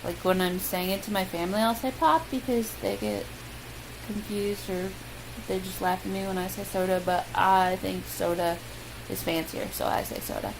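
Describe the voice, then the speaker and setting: This vlogger, a young Midwestern American woman, has a creaky, medium-pitched voice at normal speed. She chats her way through a word list with plenty of ums and jokes at her own expense, and a loud, constant hiss runs under the recording.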